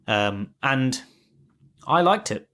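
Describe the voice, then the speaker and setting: A man's voice: mid-range voice, sing-song, takes it slowly, bright, forceful tone. A man co-hosting a podcast, talking casually and rambling with many restarts and fillers. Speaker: podcast co-host. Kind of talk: casual tech chat.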